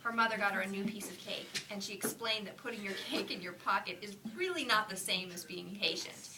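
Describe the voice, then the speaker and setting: A woman reading a children's picture book aloud, putting on lively character voices and dropping into soft whispered asides. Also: medium pitch, fairly quick, far from the mic, heavy background noise. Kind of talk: read-aloud storytelling.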